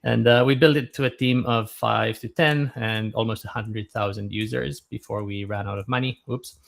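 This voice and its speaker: A man in his thirties from Romania, a guest on a podcast interview, talking in a relaxed, thoughtful way with frequent fillers. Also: on the low side, normal speed, gravelly. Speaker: guest, startup founder.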